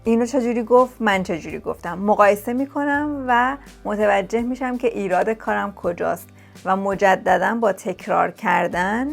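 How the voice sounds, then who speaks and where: A woman speaks straight to her viewers in a relaxed, chatty vlog, sharing tips and circling back on key words for emphasis. Her voice sits at a middle pitch with a noticeable gravelly fry. Quiet music plays underneath. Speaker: vlogger sharing language-learning tips. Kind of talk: casual talk to camera. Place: lives in England.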